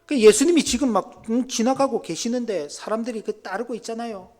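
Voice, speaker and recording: Korean pastor preaching, soft then loud. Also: male voice, very high-pitched, a little fast. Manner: swings between soft near-whispers and loud exclaiming. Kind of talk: sermon.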